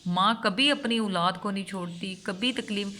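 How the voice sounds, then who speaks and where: Talking sincerely to her vlog audience, a mother hammers her points with long runs of repetition. Her voice is mid-range, bright, and forceful, and there's a little background noise.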